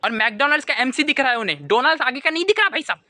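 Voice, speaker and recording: A young man telling a comic monologue to camera, animated storytelling that keeps circling back to a catchphrase. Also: extremely high pitch, very fast. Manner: animated storytelling, keeps repeating "bhai sahab". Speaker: comedy vlogger. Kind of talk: stand-up style comic monologue.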